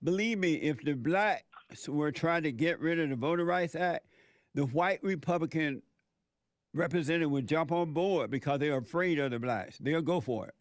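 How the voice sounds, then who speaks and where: A man's voice: fairly high pitch, moderate pace, no echo, studio quality. A man hosting call-in talk radio, debating bluntly and repeating his questions.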